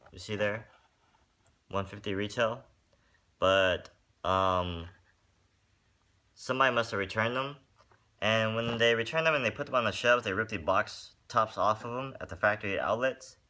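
There's a little hiss or hum behind this lowish male voice. He's a sneaker vlogger in a wooden-floored room at home, reviewing shoes in a relaxed, rambling way full of "um."

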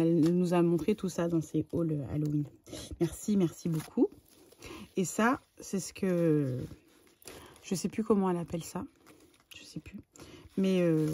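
A middle-aged French woman with a French accent chatting casually while unboxing a parcel, excitable and full of fillers and repeated words. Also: lowish voice, husky. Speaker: vlogger. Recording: faint background noise.

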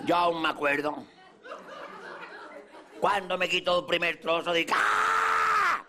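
A man's voice: fairly high pitch, steady tone, unhurried, crowd noise. A man with a Mallorcan accent performing stand-up comedy in character as a boastful self-styled latin lover, in a café before a live audience. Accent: Mallorcan Spanish. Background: audience laughter.

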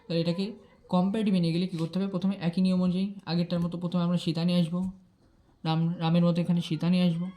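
Racing through her lesson in a lowish, dark-toned voice with a flat delivery, this female English grammar teacher still explains each rule patiently and step by step. She uses Bengali sprinkled with English terms and asks "ঠিक আছে?" to check that students understand.

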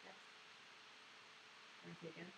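A young woman from Boston gives a casual presentation to a class of English learners, chatting loosely with many fillers. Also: a little slow. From Boston, USA. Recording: echoey room with background noise.

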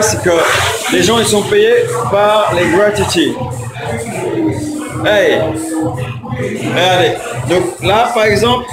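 A man's voice: high voice, poor audio. A young man, a native French speaker, chatting casually to a handheld phone as a travel vlogger. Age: young adult.

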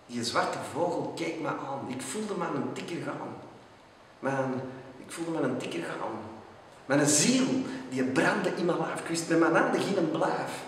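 A man with an Antwerp Flemish accent giving a dramatic poetry recital, theatrical and drawn-out, dropping into hushed tones. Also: on the high side, expressive, slight background noise. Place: outdoors at a theatre entrance. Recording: echoey, distant, long reverb.

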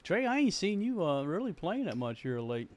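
A man's voice: sits high, very animated, normal speed. A male streamer chatting casually and joking with his friends while playing a shooter game. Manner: folksy, joking, greets friends warmly. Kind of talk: casual live-stream chat while gaming.

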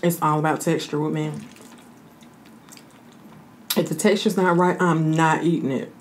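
An American woman in her thirties chatting casually as a mukbang host, talking while eating and pausing to chew. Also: sits low, level tone, a little hiss or hum. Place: indoor room.

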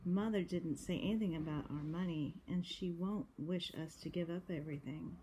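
A vain, self-pitying girl, the youngest sister in an old storybook, read aloud by a woman. The delivery is emphatic and aggrieved, with a mellow tone. The home recording carries faint noise. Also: on the low side, moderate pace, natural voice. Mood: decided. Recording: noisy home recording with clicks.

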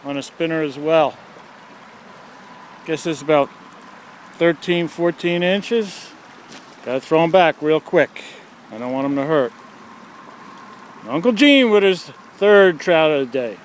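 A man's voice: on the high side, expressive, a little slow, long pauses. A man narrating his own fishing trip outdoors by a creek under a road bridge, talking casually into a handheld camera in a plainspoken play-by-play way. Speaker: fishing vlogger. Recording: outdoor camera audio with faint traffic hum. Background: faint traffic noise.

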